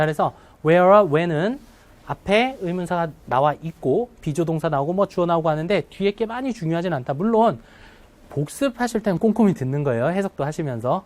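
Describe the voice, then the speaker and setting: A man teaching an English test-prep class to live students, often checking in with questions and slowing down to model phrases. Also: on the high side, darkish tone. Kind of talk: classroom lecture.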